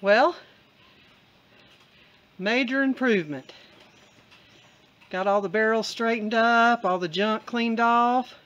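A person filming and narrating homestead chores in a relaxed, step-by-step way. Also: medium pitch, slow, pauses often, lo-fi sound. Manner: easygoing, explains step by step with fillers. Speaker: camera operator and co-narrator. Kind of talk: casual vlog narration.

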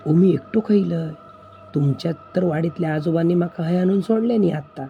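A man's voice: on the high side, brisk, vocal fry, muffled recording, faint music behind, pitched above the performer's own voice. A man voicing a frightened young male traveler lost at night, who speaks anxiously in a questioning way with a Malvani accent.

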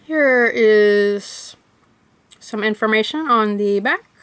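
A woman's voice: medium pitch, slow pace, fairly bright tone, clean tone. A woman chatting casually as she unwraps and tastes snacks for a vlog, thinking aloud as she goes. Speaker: vlogger.

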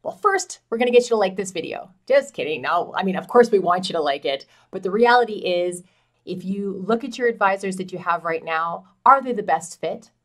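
A woman's voice: medium pitch, lively intonation, a little fast. A middle-aged woman giving direct, encouraging advice as a farm transition specialist, talking to camera in a small office. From Canada. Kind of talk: educational talk to camera.

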